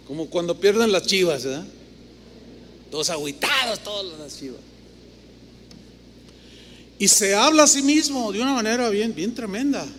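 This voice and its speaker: A man's voice: high-pitched, a bit bright. A man, preaching a conversational sermon as a pastor and breaking into asides where he talks to himself. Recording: reverberant hall with faint noise.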